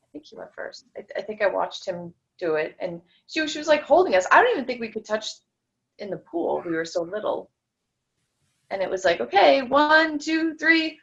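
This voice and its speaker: Low raspy-fry woman repeating lines, halting, kinda muffled lo-fi sound. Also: big pitch swings. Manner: hesitant, stumbling restarts, soft. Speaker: client in demonstration. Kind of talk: repeating phrases and recounting a memory. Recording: dull lo-fi sound.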